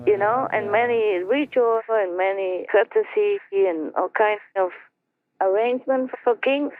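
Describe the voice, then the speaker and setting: A woman slowly telling a story to her team over a conference line, chatty and laughing between phrases. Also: mid-range voice, dry recording. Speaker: spiritual teacher telling a story. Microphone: phone or conference line. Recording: tinny dry phone line.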